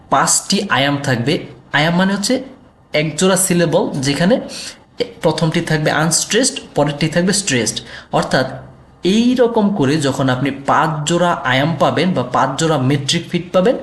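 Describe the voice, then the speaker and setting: A man's voice: a little high, reverberant. A man teaching an exam prep lesson, explaining step by step with frequent fillers and self-corrections. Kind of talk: explanatory lecture.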